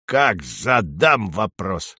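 A man voicing a nagging old female crow with a hoarse, unpleasant voice, scolding slowly. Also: lowish voice, very animated, sharp tone, no room sound, clean studio sound, exaggerated voice. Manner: slow, scolding.

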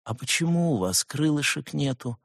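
Man putting on a squeaky whining gopher. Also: lively intonation, moderate pace, vocal fry, dry recording, studio quality. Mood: feeble. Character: whiny hypochondriac gopher philosopher, male, cowardly.

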